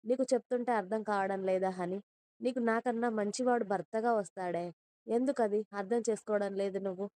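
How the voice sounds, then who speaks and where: A woman's voice: medium pitch, fairly quick, mellow, no room sound, close to an everyday voice. A woman voicing a stern, angry young man who scolds bluntly in an audio story. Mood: scolding.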